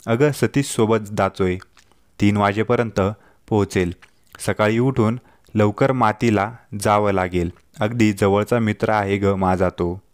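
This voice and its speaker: A man's voice: fairly low pitch, unhurried, smooth, dry recording, clean studio sound, close to an everyday voice. A man voicing a joking, loving young husband in a told story, light and reassuring. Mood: jokey. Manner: jokey, reassuring. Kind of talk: storytelling dialogue.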